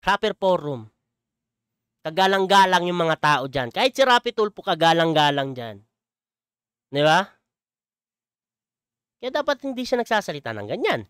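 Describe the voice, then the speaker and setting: A man's voice: high-pitched, big pitch swings, normal speed, pauses often, fairly bright tone, smooth, no echo, clean studio sound. A man hosting his own channel, giving chatty reaction commentary on a video clip, exclaiming, chuckling and repeating lines from it. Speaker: YouTuber host.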